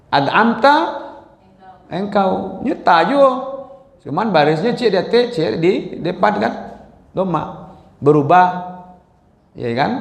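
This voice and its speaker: A man giving an informal Quran lesson, talking conversationally, checking in with listeners and chanting short verses as examples. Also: sits high. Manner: conversational, asks the audience "ya kan?" often. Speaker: Quran study teacher. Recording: roomy hall echo.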